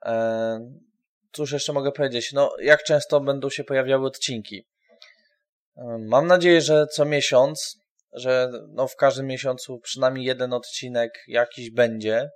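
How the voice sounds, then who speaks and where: A man hosting a podcast, speaking informally and haltingly with frequent pauses as he gives an introduction. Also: mid-range voice, steady tone. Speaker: podcast host.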